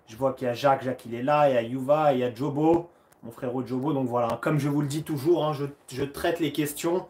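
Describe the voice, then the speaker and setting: A man's voice: medium pitch, steady tone, fast talker, a little mellow. A man hosting a casual live Q&A stream as a karate coach, chatting in a friendly way and greeting viewers by name. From France. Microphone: phone.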